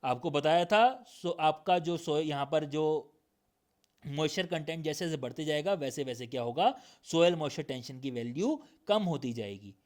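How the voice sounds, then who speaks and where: A man giving a recorded lecture with a sore throat, checking with students through repeated questions and reading definitions aloud slowly. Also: on the high side, expressive. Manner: drills points with repeated questions. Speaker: teacher.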